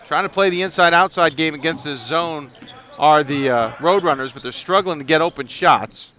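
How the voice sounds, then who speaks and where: A man calling live basketball play-by-play from an arena broadcast position, chatty and quick to laugh between plays. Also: fairly high pitch, pushed and bright. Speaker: play-by-play commentator.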